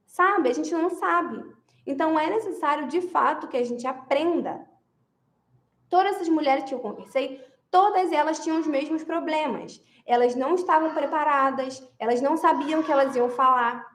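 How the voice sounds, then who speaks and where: Woman, high voice, emphatic direct-address advice giver, roomy echo. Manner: emphatic, repeats key phrases, addresses viewers directly. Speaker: marriage advice speaker. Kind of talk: direct-to-camera advice talk.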